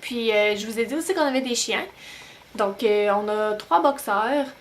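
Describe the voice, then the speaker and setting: A young woman with a Québécois French accent talking casually to camera at home as a new-mom vlogger, relaxed and full of hesitant pauses. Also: fairly high pitch, slight background noise. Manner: chatty, many "euh" pauses, relaxed. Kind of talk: casual vlog talk to camera. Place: home, bedroom at night.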